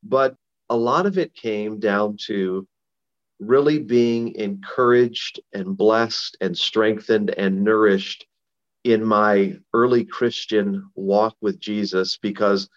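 A man's voice: lowish voice, steady tone, takes it slowly. A middle-aged man, a pastor, speaking over a phone line as an interview guest, earnest and conversational with frequent restarts. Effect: heard over a phone line. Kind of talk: interview guest sharing a personal testimony. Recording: dull phone-line audio.

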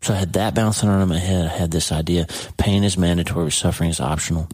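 Husky deep-voiced man, earnest podcast talk. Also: steady tone, fast, darkish tone. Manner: earnest, confiding, addresses listener directly. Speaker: podcast host. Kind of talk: personal faith podcast talk.

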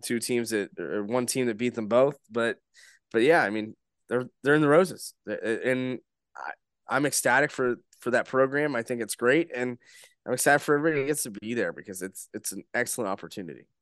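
A young man hosts a casual sports podcast, rambling along with plenty of restarts and fillers. His voice sits at an ordinary middle pitch. The sound is dry and close, with no room around it. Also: a little fast, a bit bright, dry recording. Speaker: podcast host.

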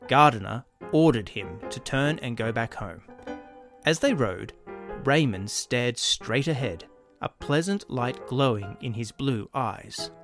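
A man narrating a dramatic science fiction story in a lively, expressive way. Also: mid-range voice, slow pace, soft background music.

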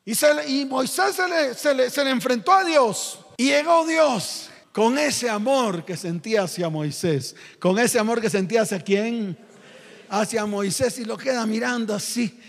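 Pastor, very high voice, emphatic call-and-response sermon, reverberant church hall. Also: male voice, unhurried, gravelly, a bit bright.

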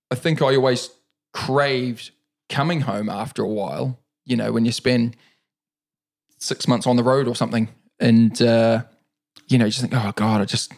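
Casting: middle-aged New Zealand man, gravelly, even-toned, easygoing interviewee. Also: medium pitch. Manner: relaxed, rambling with many fillers and restarts. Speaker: interviewee, para-cyclist. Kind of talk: casual conversational interview.

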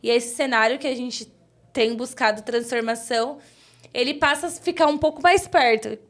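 A woman leads the interview in a relaxed, conversational manner. She often tacks quick tag questions onto her sentences. Her voice sits a little higher than average. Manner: conversational, frequent "né?" tags. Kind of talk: casual interview talk.

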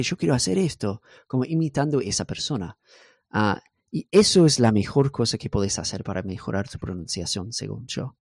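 A man whose first language is English, a software engineer talking as a podcast guest in a relaxed way, with many fillers and English words slipped in. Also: lowish voice, no echo, clean studio sound. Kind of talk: casual interview conversation.

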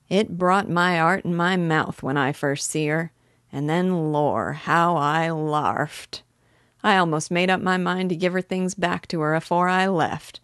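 A rough, cheeky burglar, as a woman reader puts him on, talks in broad dialect with dropped h's and a fondness under the gruffness. The voice sits low and a touch louder than the narration, recorded close and dry. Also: no room sound, lightly acted. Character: rough cockney male burglar, cheeky and fond. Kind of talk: audiobook character voice.

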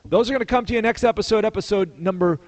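A man's voice: high-pitched, fast talker, poor audio. A middle-aged man hosting a podcast, telling a rambling personal story in casual monologue and acting out the voices of the people he quotes. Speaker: podcast host.

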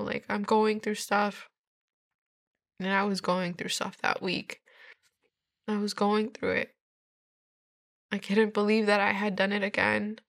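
A woman's voice: mid-range voice, vocal fry, fairly bright tone. A young woman giving a personal testimony in casual, earnest speech, leaning heavily on "like" and "I was like" as she retells events.

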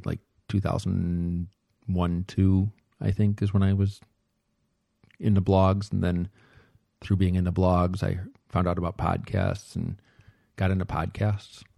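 Low and warm with noticeable vocal fry, the middle-aged man's voice carries no room sound at all. He's the host of a personal audio log, recording a rambling, casual diary indoors at home on a close mic, musing hesitantly and circling back over the same short phrases.

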